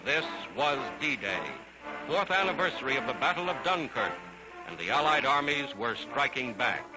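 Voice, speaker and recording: A man's voice: medium pitch, lively intonation, moderate pace, rough recording. A man giving grand, declamatory scripted narration for an old wartime newsreel. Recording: narration over loud music.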